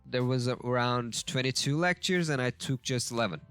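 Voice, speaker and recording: Guy going thru a lesson out loud, slow and halting, keeps fixing himself, mid pitch. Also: clean tone, no room sound, soft background music. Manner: halting, self-correcting, thinking aloud. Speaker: language learner teaching a lesson. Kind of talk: casual screen-share lesson commentary.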